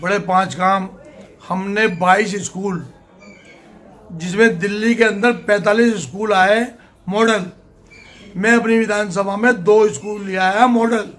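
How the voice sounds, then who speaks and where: A man's voice: sits high, fairly even intonation, unhurried, a bit bright. An older man, a political candidate giving plain-spoken, emphatic interview answers and often repeating himself.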